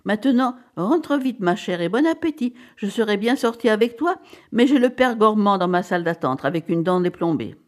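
A woman reading the part of a cheerful, self-satisfied middle-aged dentist who teases his wife, with a lively voice. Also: mid-range voice, moderate pace, natural voice. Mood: smug.

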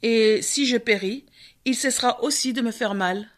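A woman's voice: a little high, normal speed, loud music behind the voice, lightly acted. A woman voicing a grief-stricken young male hunter who has lost his brother, speaking in an anguished, pleading way. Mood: sorrowful.

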